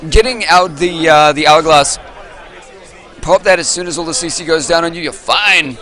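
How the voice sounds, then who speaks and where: High, bright-voiced excitable esports caster man. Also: normal speed, some chatter behind. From New Zealand. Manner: excitable, rambling, self-interrupting. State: losing his voice. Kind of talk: live esports commentary. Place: live event venue with audience.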